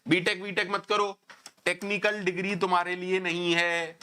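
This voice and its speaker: A man's voice: sits high, level tone, normal speed, sharp tone, slight background noise. A man giving an online programming lecture, scolding and sarcastic with his students. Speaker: programming teacher.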